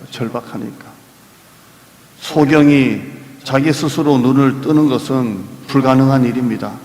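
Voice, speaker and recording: A man's voice: on the high side, gravelly, a little mellow. A man preaching a sermon as pastor, emphatic, repeating key phrases and asking the congregation questions. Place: church sanctuary. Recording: echoey church hall with long reverb.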